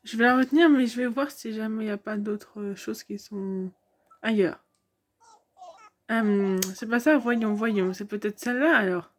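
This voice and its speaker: A woman's voice: on the high side, moderate pace. A young woman giving casual commentary on a video game, hesitant and thinking aloud with many fillers.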